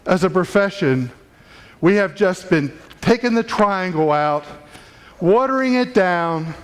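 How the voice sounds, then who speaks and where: This chiropractic speaker, a man, talks unhurriedly in a smooth voice that sits high with lively intonation. Before a live audience of fellow professionals in a conference room, his motivational talk is emphatic and preachy, and it builds up intensity.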